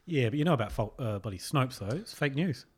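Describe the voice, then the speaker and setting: A man co-hosting a podcast in casual chat, teasing and firing quick questions. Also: medium pitch, expressive, slightly rough. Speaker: podcast co-host.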